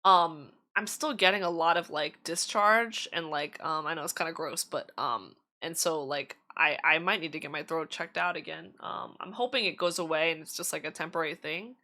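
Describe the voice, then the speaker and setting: A woman's voice: sits low, moderate pace, hardly any pauses, bright, forceful tone. A woman streaming tarot readings in casual chat, chatty and giggly with lots of fillers, her voice slightly strained.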